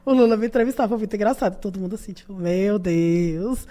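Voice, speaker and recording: A Brazilian woman with a Brazilian Portuguese accent, a podcast guest telling animated stories full of laughter. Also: a little high, racing. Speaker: guest, youth party leader. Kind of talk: casual storytelling interview.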